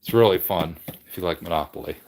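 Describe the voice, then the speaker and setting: Male stream host, lower voice, loose rambling chat with restarts. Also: quick pace, darkish tone, slight background noise. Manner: rambling, self-correcting. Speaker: livestream host. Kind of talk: casual chat with live viewers. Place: home game room.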